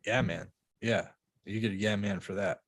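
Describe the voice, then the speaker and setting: A man with a Midwestern American accent hosts a casual podcast, his voice on the low side. He rambles, circles back and restarts his sentences. The sound is close and dry, with no room echo. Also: moderate pace. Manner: rambling, with many restarts and fillers. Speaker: podcast host.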